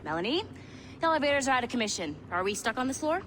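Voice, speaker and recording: A young female corporate security agent in a video game. She is brisk and sardonic, with a blunt, wry delivery in a highish voice, over clear background noise. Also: big pitch swings, fairly bright tone. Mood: wry, matter-of-fact.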